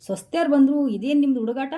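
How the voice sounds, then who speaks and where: A woman's voice: high voice, rapid-fire, mellow, lo-fi sound, lightly acted. A woman playing a fussy mother-in-law. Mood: flustered. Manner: fussing, exclaiming in dismay. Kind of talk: comedy skit acting.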